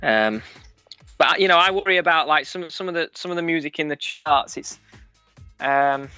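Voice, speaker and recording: His voice here sits on the high side, sharp, clear and resonant without echo, at normal speed. The young adult Sheffield musician, broad accent intact, answers frankly in a casual radio interview with frequent restarts and fillers, over a dull, dry recording with music under it.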